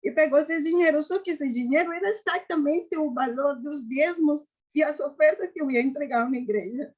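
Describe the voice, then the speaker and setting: A woman giving an earnest personal faith testimony, often halting and restarting. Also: high voice, a little mellow. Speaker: testimony giver.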